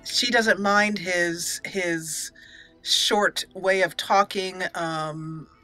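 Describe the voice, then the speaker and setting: A woman draws out her words in a lowish, pushed, bright voice with fairly even intonation. She's hosting a roleplay let's play on YouTube, offering chatty, giggly commentary as game music plays.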